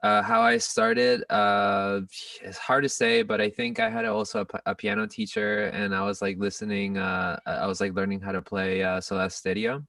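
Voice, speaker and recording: A man speaks haltingly in a casual interview, often restarting his words. His voice is low and gravelly, and it swings widely in pitch. He sounds a bit off mic in a dry space. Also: sing-song, sharp tone, no echo, recorded from a distance. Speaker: bassist, guest.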